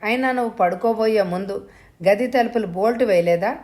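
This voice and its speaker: A woman voicing a concerned grown man in an audio story, asking steady, probing questions. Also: mid-range voice, a little fast, natural voice. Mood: reassuring.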